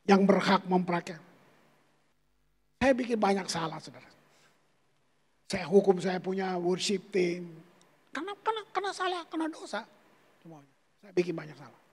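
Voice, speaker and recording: A man's voice: sits high, husky. A pastor preaching a sermon to his congregation, telling personal stories and calling them "saudara". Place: church sanctuary. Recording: long church hall reverb.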